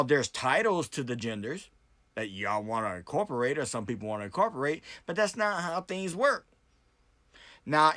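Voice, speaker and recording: An American political commentary vlogger who hosts debates delivers an unscripted, opinionated monologue to his viewers, blunt and emphatic, repeating his points and asking rhetorical questions. His voice runs on the high side with a sharp tone, and the recording is dry.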